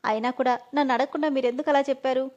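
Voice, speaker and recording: A woman's voice: sits high, fairly even intonation, racing, darkish tone, natural voice. A woman voicing a timid young village woman who speaks in a tearful, pleading way. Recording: dull lo-fi audio.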